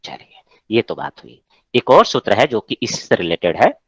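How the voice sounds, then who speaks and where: जीवंत उतार-चढ़ाव वाली आवाज़ में पढ़ाता पुरुष शिक्षक. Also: male voice, on the low side, big pitch swings, moderate pace, a bit bright, breathy edge, no echo. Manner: explains patiently, checks with students often. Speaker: Sanskrit teacher. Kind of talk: online class lecture.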